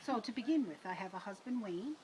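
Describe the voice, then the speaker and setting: An older woman answers interview questions in a chatty, rambling way, reeling off names. Her pitch sits in an ordinary middle range. A clear hiss of background noise runs under the voice. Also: lively intonation, fairly quick, warm tone. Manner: chatty, lists family at length. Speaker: council candidate. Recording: noisy background.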